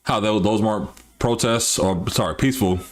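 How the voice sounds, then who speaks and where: A man's voice: lowish voice, normal speed. Rambling man hosting a live stream. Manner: rambling, talks straight to chat with restarts and slang. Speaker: livestream host. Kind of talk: casual live-stream commentary.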